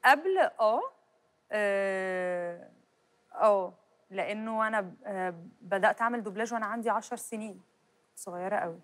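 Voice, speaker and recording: A woman's voice: medium pitch, fairly quick. A woman with an Egyptian Arabic accent, a voice actress chatting as a talk-show guest. She laughs easily and slips into English words. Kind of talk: casual chat. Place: TV studio.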